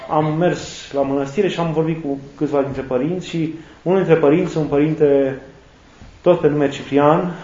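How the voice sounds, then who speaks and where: A priest giving a sermon, slow and reflective, listing words one by one. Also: male voice, on the high side, mellow. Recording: echoey, dull lo-fi sound.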